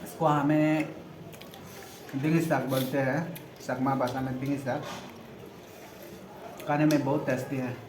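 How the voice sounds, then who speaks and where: A man casually hosting a mukbang eating vlog, talking between bites with pauses and hums. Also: medium pitch, level tone. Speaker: vlog host. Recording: echoey, background noise.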